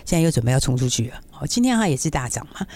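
A man's voice: medium pitch, sing-song, racing, mellow, no echo. A man with a Taiwanese accent giving casual market commentary as a stock analyst, explaining things with frequent rhetorical check-in questions.

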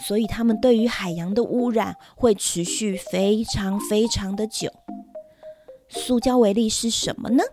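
Unhurried Taiwanese-accented woman talking to small children. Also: medium pitch. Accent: Taiwanese Mandarin. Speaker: host of a children's facts podcast. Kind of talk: educational storytelling for young children. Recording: music behind the voice. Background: background music.

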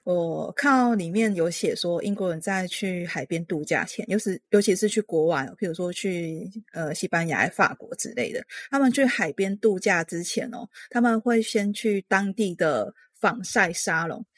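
A woman with a Taiwanese Mandarin accent co-hosting a podcast, explaining things in relaxed casual chat. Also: fairly low pitch, normal speed, hardly any pauses, dry recording. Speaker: podcast co-host.

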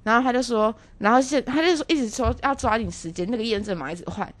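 A young woman, telling her own story in a lively, animated way with sharp jumps in pitch. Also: fast, dry recording.

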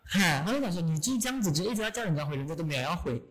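A woman, co-hosting a podcast and telling a story in a rapid, venting way, often asking "you know?". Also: lowish voice, expressive. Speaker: podcast co-host. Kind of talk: casual chat.

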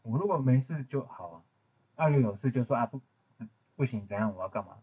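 Fast-talking raspy man, lo-fi sound. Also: medium pitch, expressive, warm tone. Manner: teasing, quick interjections. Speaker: podcast co-host. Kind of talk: casual chat. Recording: dull lo-fi podcast audio.

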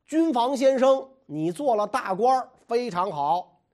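A man's voice: extremely high pitch, lively intonation, unhurried, a little mellow, pitched above the performer's own voice. A man voicing an aloof, mocking hermit scholar who drawls offhand remarks.

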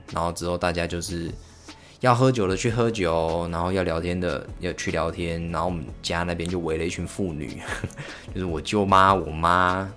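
Young man, Taiwanese Mandarin accent, very low voice, halting casual podcast chat, lots of fillers. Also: a bit bright. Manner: halting, full of fillers and restarts. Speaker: podcast host. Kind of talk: casual solo storytelling.

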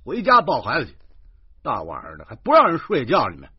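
A grumpy, sleep-deprived neighbor yelling down from upstairs, played by a male reader, his voice jumping high and loud. The tone sounds slightly husky, and the dull, dry recording gives it a lo-fi quality. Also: wildly swooping pitch, a little fast, heavily acted. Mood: annoyed. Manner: loud, shouting down from a window. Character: grumpy man woken by noise at night.

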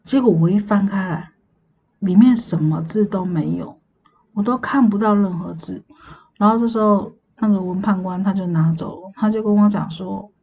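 A woman, casually telling a dream story on her podcast in a chatty, meandering way, often pausing to recall details. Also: medium pitch, creaky, dark tone, slightly rough, dull audio. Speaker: podcast host.

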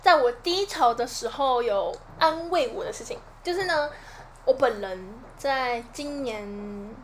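A young woman with a Taiwanese Mandarin accent, chatting quickly and casually as a podcast co-host. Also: a little high, expressive, slight background noise. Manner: quick, chatty, laughs along. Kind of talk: casual chat.

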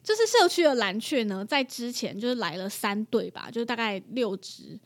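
A young mother tells a story in a casual chat, animated and laughing often. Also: fairly high pitch, moderate pace. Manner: animated, laughs often, acts out her own reactions.

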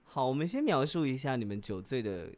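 A man's voice: mid-range voice, sing-song, fairly quick, a little mellow. A man, prompting and teasing his co-hosts on a podcast. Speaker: podcast co-host. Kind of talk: casual chat.

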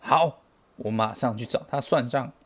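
A man's voice: mid-range voice, normal speed, breathy edge, natural voice. A man voicing a cocky, heroic male Monkey King who talks in a boastful, teasing way for a children's storybook. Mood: angry.

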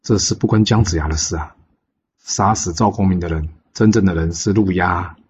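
A man voicing a cautious elder immortal sister who tries to calm the others, in a low, husky voice. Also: moderate pace, highs cut off. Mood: reasoning. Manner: calming, reasoning.

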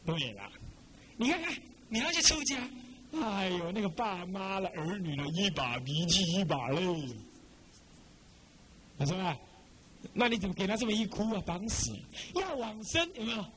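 A middle-aged man from Taiwan gives a Buddhist dharma talk as abbot. His voice is high and bright, and it swings widely in pitch as he keeps putting rhetorical questions to his listeners. A faint hum of ambience sits behind him. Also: big pitch swings, moderate pace, rough recording. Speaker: abbot teaching monastics.

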